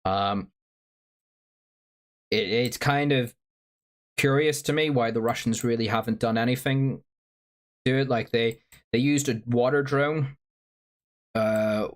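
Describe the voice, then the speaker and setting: A man with a sore throat, livestreaming casual commentary and reading out viewer chat in a rambling, filler-heavy way. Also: medium pitch. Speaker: stream host.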